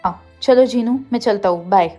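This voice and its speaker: A woman voicing an easygoing middle-aged husband in a Hindi fan audio story, speaking in a lower, gruff put-on voice. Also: fairly quick, warm tone, soft background music, close to an everyday voice.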